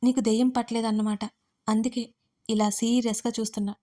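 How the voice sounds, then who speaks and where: A woman voicing a gentle, affectionate young wife. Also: on the high side, level tone, fairly quick, lightly acted. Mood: tender.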